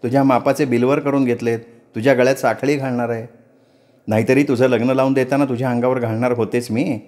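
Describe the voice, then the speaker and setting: A man's voice: mid-range voice, fairly even intonation, brisk, a little mellow, natural voice. A male storyteller voicing an elderly lady of the house who talks in a chatty, fondly chiding way. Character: fussy elderly lady of the manor.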